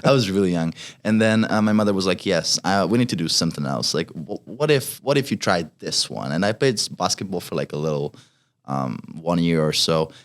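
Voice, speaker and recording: A Hungarian man in his twenties, a college fencer appearing as a guest, chats casually in an interview with a Hungarian accent. His low voice is expressive and a little quick, and he hesitates a lot, full of fillers and restarts.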